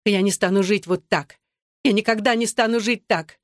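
A reader voicing an adult woman, a betrayed wife, shouting and bitter through tears in an audiobook. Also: mid-range voice, fairly even intonation, normal speed, no room sound, clean studio sound, voice pushed up, lightly acted. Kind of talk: audiobook narration.

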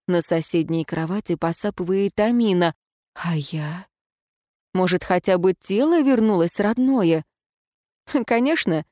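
Woman, audiobook narrator, medium pitch, dry close sound, reflective storytelling. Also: a little mellow, no room sound. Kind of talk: first-person audiobook narration.

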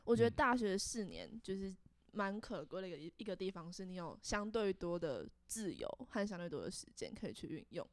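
A young woman, co-hosting a casual podcast and reacting with quick, lively comments. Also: mid-range voice, no echo. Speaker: podcast co-host.

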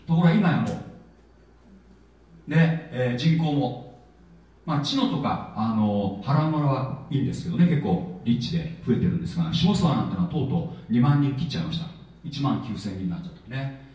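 A man preaching a sermon in a chatty, lively way, with plenty of filler words. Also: medium pitch, a little fast. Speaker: pastor. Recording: echoey hall, voice from far off.

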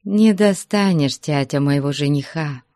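A woman's voice: sits low, a little slow, mellow, no room sound, studio quality. A woman voicing a young maiden who pleads emotionally to join a convent in an audiobook. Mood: teasing.

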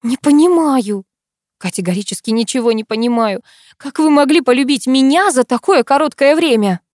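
A woman's voice: high-pitched, lively intonation, moderate pace, a little mellow, no echo, studio quality, voice pushed up. A woman voicing a frightened but defiant young heroine in an audiobook, speaking in a tense, pleading, raised voice. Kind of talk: audiobook character voice.

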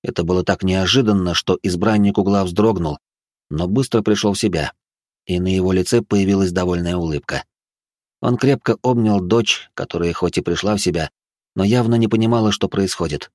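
A man narrating a fantasy audiobook in a steady, measured reading. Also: sits low, no room sound, studio quality.

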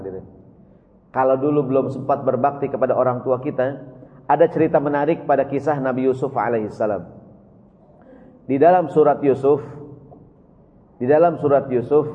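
Lively preacher in an echoing hall. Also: male voice, medium pitch. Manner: storytelling, addresses congregation repeatedly. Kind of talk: sermon. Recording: tinny, phone-like, long hall reverb.

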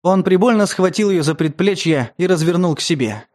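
A man narrating a tense story in a steady, scripted audiobook style. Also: high-pitched, a little fast.

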